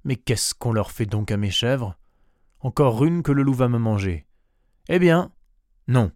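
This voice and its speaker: A fretful old farmer from a storybook, doting on his goat and crying out in alarm, as a man reading aloud puts him on. His voice is low-set but rises loud in his outbursts, and the sound is dry and close. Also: steady tone, a little slow, dry recording, lightly acted. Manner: pleading, exclaiming, louder and higher than the narration.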